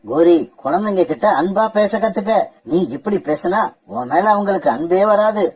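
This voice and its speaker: A voice actor playing a gentle, worried father bird in a cartoon, speaking softly to his wife and children. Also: mid-range voice, animated, moderate pace, natural voice.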